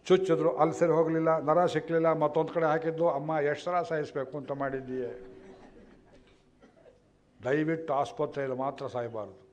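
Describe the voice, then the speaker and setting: Wry, animated man lecturing on scripture. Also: medium pitch. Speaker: religious scholar giving a discourse. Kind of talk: storytelling discourse with chanted verses. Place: lecture hall. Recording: dull lo-fi recording.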